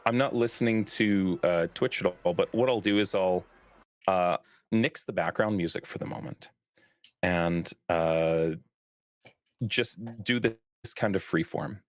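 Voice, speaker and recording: A man running a live-streamed tabletop game as dungeon master, talking in a relaxed way with lots of fillers and easy laughter. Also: low voice, a little slow, dry recording, clean studio sound.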